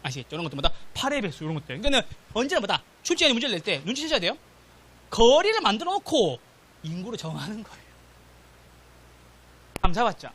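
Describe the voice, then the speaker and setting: A man teaching a real estate exam prep class, drilling students with quick questions and checks of whether they follow. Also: high voice. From South Korea. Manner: animated, drills students with rapid question-and-answer, repeats "got it?". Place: classroom lecture recording.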